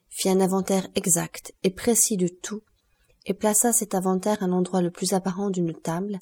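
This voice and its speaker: A woman narrating a classic novel as an audiobook, reading in a measured, expressive way. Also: lowish voice, husky.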